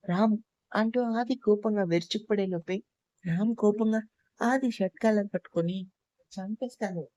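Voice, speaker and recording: A woman's voice: mid-range voice, normal speed, mellow, dry recording. A woman reading a dramatic love story as narrator, in a dull lo-fi recording.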